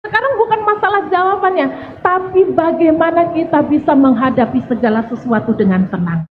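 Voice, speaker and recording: A woman preaching at a church service, talking in a lively, conversational way and asking the congregation questions. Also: very high voice, a little fast, narrow, tinny audio, background noise. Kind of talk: sermon.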